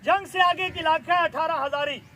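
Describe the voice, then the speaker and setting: A middle-aged man, performing magic tricks for schoolchildren outdoors, loud and showy, coaxing the kids along. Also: very high-pitched, steady tone, a little fast. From Pakistan. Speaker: stage magician. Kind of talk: live magic show patter for schoolchildren. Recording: noisy outdoor crowd. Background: crowd of children and street noise.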